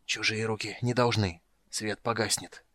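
Man doing a hoarse, frail sickly mage. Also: on the low side, moderate pace, dry recording, natural voice. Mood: weak, ominous. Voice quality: hoarse, weak. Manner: quiet, breathy, near-whispering.

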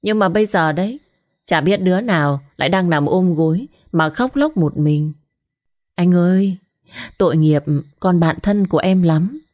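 A woman's voice: fairly low pitch, moderate pace, darkish tone, close to an everyday voice. A woman voicing a gloating, pregnant young mistress who taunts and then turns coy with her lover.

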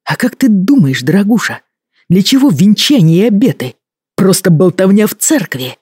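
An audiobook reader voicing a proud young Scottish husband, forceful and clipped, rising toward shouts. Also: mid-range voice, very animated, moderate pace, breathy edge, dry recording, studio quality, voice pushed up. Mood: furious.

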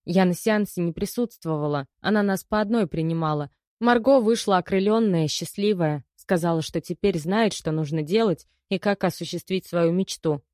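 A woman's voice: lowish voice, moderate pace, few pauses, darkish tone, no room sound, studio quality, close to an everyday voice. Brief: woman voicing a credulous young woman, eager and chatty, storybook. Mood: eager chatter.

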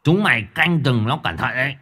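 A man's voice: medium pitch, expressive, sharp tone, husky, pitched above the performer's own voice. A man doing a sneering cruel ghost boss. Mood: menacing. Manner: smirking, drawn-out menace.

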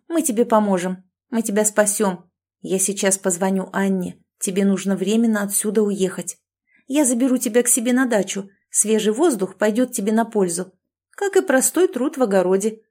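A woman's voice: medium pitch, expressive, moderate pace, dark tone, lightly acted. A woman voicing a domineering, self-certain female friend who lectures and commands in a sarcastic tone, in an audiobook. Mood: bossy. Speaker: language teacher.

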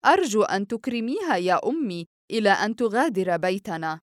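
Woman reading a polite young army guy, calm and measured, dry sound. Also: mid-range voice, no echo, close to an everyday voice. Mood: courteous. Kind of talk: audiobook reading.

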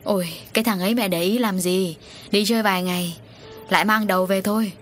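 A woman's voice: mid-range voice, steady tone, a little fast, a bit bright, faint music behind, lightly acted. A woman voicing a guilt-stricken middle-aged father in an audio story. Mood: curt. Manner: anguished, pleading.

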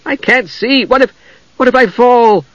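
A man puts on a scared young woman with a high, shaky voice. She calls out in fear and pleads. The recording is dry and slightly muffled. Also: flat delivery, very fast, a little mellow, no echo. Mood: fearful.

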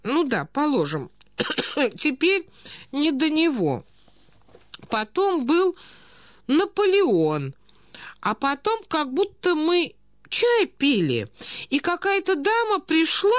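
A woman voicing a forgetful, fussy old male prince who talks in meandering, plaintive, drawn-out phrases. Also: high voice, huge pitch swings, no echo, clean studio sound, pitched above the performer's own voice, heavily acted. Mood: muddled.

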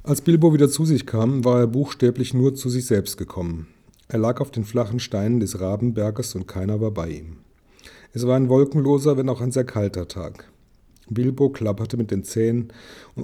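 A man reading a novel aloud in a calm, even storytelling manner. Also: medium pitch, normal speed. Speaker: audiobook reader.

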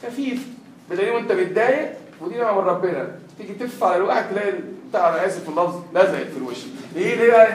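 A man's voice: high-pitched, slight background noise. A young man with an Egyptian accent tutoring a class, quizzing the students with constant questions in a classroom lecture. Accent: Egyptian Arabic. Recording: echoey room, heard from far off.

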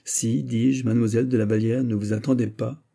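A man reading the part of a grave older nobleman, giving measured, solemn counsel like a father. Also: mid-range voice, fairly even intonation, gravelly, dark tone. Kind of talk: audiobook character reading.

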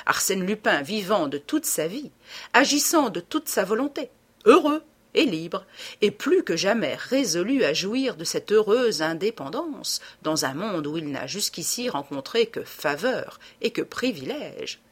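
A woman reading an audiobook voices a young male gentleman thief, playful and ironic, with a husky, theatrical delivery. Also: on the low side, big pitch swings, measured pace, hardly any pauses, full character voice. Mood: gleeful. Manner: mocking, gleeful, theatrical.

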